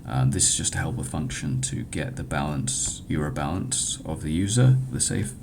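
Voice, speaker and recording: Deep, gravelly man in a hesitant demo. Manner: hesitant, halting, with frequent stumbles. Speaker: hackathon developer presenting own project. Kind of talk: informal screen-share software demo walkthrough. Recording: clear background noise with low rumble.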